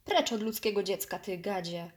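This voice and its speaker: A woman's voice: medium pitch, animated, normal speed, natural voice. Stern, protective panther, curt in tone, in a woman's own reading voice. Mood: fierce.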